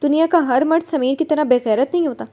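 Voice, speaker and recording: A woman's voice: sits high, quick pace, dark tone, voice pushed up, close to an everyday voice. A woman voicing a bold, stubborn young man in love, teasing and sure of himself, as she reads a novel aloud. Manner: playful and stubborn. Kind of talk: novel reading.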